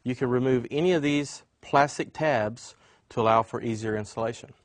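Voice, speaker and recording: In a dry recording, a man of medium pitch speaks at a normal speed while presenting an instructional product demonstration. He walks through everything step by step as the demonstrator.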